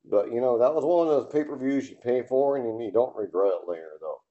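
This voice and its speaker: A man's voice: medium pitch, expressive, fast talker, dull audio. A man hosting a casual solo podcast from his garage, rambling loosely with lots of fillers and casual swearing. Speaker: podcast host. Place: home garage.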